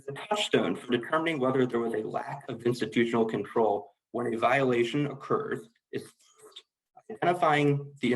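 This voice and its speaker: Male compliance trainer for a corporate webinar. Average pitch, formal and methodical, explains rules from slides. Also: poor audio.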